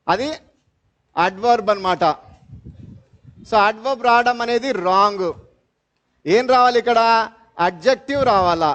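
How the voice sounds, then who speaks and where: A man with a Telugu accent teaching an English grammar class, explaining slowly, repeating terms and quizzing his students. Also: sits high, a bit bright. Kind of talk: live class lecture. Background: fans running in classroom.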